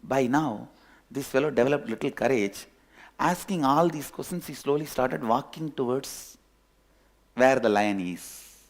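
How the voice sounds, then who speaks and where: A man with an Indian English accent, a spiritual teacher telling a parable in an animated way and acting out its characters. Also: mid-range voice, unhurried. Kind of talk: storytelling sermon.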